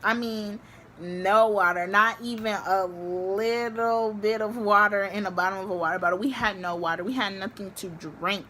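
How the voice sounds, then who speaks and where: A young woman vlogging, telling a story to the camera in a chatty, animated way with many filler likes. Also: mid-range voice, moderate pace, slight background noise. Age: young adult.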